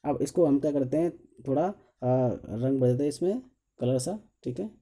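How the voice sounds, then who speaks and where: A man with a medium-pitched, expressive, warm voice talks at a normal speed as he teaches an engineering drawing lesson step by step. He counts the lines aloud while drawing, says "okay" after almost every step, and poses questions to himself before answering them.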